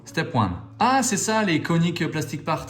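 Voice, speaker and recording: A man's voice: a little high, very animated, moderate pace, fairly bright tone, soft background music. A man with a French accent hosting a bilingual model-assembly tutorial, easygoing and joking at himself as he explains each step. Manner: easygoing, jokes at himself, repeats each step in two languages. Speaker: RC model hobby video host. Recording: echoey room.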